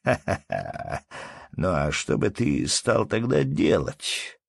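A man voicing a blustering, domineering middle-aged village steward who shouts orders and laughs mockingly. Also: sits low, expressive, slow pace, dry recording, clean studio sound, heavily acted. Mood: jovial. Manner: gruff, bossy, mocking laughter.

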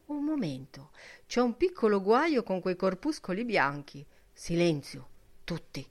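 A woman's voice: mid-range voice, big pitch swings, a little slow. A woman reading an audiobook, voicing a jovial, mocking young man who teases and mock-preaches. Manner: mock-preaching, boisterous, teasing.

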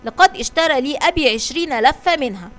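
Cheerful little storybook sister, bright and eager, high voice, read by a woman. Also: expressive, quick pace. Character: cheerful little sister before her birthday.

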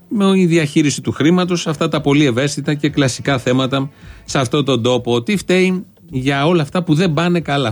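Man hosting with dry irony. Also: on the high side. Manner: ironic, mock-serious, repeats phrases for effect. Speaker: satirical show host. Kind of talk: sarcastic commentary.

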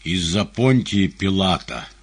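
A man's voice: sits low, animated, takes it slowly, slight background noise, pitched above the performer's own voice. A man doing a brash young poet. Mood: blunt.

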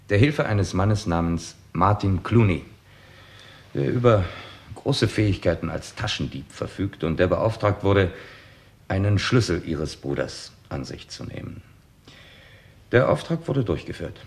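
For a sixties German radio crime drama, an actor voices a composed, confident male detective with a fairly low voice and formal, precise speech. He methodically sets out the case, probing through pointed rhetorical questions.

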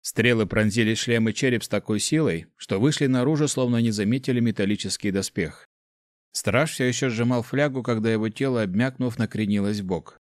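A man reading a fantasy novel aloud in steady, measured scripted narration. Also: mid-range voice, dry recording, studio quality. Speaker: audiobook narrator.

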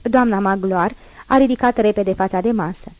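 A woman narrating a classic novel as an audiobook, in a measured, even reading voice. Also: mid-range voice, no echo.

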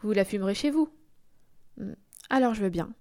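A woman's voice: mid-range voice, lively intonation, dark tone, lightly acted. A woman doing a cheeky young laundry girl. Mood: teasing. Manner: light, quick and teasing. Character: young carefree working girl, teasing and playful.

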